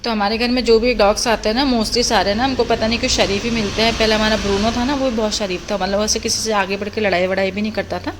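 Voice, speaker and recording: A woman's voice: medium pitch, fairly even intonation, quick pace, few pauses, background noise. Chatty Indian woman vlogging casually. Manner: chatty, explaining as she goes. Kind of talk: casual vlog narration.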